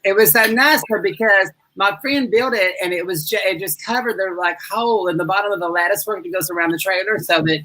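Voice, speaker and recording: A man's voice: high-pitched, fairly quick, few pauses, bright, forceful tone, rough recording. A man playing a rambling, campy trailer-park mom in drag, telling comic stories and calling bingo over a video call. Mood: tall tales. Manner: rambling, campy, acts out voices. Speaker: guest bingo caller.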